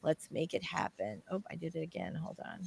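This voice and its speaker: A woman's voice: low-pitched, sing-song, a little fast, gravelly, a little mellow, slight background noise. A woman co-hosting a casual live-stream chat, reading viewer comments aloud and talking with many restarts. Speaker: livestream co-host.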